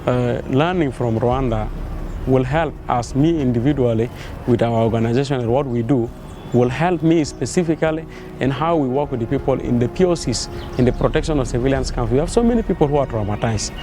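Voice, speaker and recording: A man from South Sudan, a youth delegate, speaking in a measured, hesitant way in an interview. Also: medium pitch, background noise. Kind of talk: interview testimony. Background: music.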